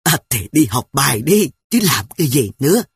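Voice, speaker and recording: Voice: medium pitch, very animated, normal speed, gravelly, slightly rough, no echo, heavily acted. A storyteller voicing a devout grandmother who scolds and reassures her grandchildren. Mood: reassuring. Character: kindly grandmother, devout and stern. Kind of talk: audiobook character voice.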